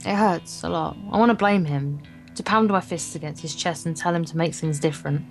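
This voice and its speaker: With a deep voice and a brisk pace, a woman acting as guest co-player reads a visual novel's narration aloud in an informal let's play. She occasionally fumbles words, and the game's guitar music sits behind her voice.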